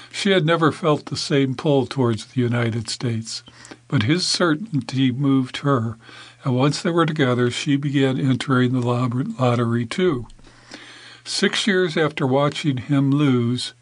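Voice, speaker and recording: Man, news narrator, measured even reading, dry close sound, mid pitch. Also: no echo.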